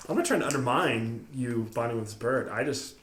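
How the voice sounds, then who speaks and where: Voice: medium pitch, lively intonation, a little fast. A player at a tabletop game, joking dryly about their cleric character. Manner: dry, joking. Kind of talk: casual tabletop play. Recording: echoey room with music.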